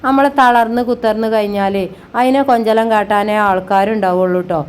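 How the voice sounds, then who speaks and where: A middle-aged woman, talking warmly to her viewers as if to her own children about her household work, with frequent tag words. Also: mid-range voice, steady tone, fairly quick, a little hiss or hum. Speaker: family vlogger. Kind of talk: homey chatty voice-over about housework.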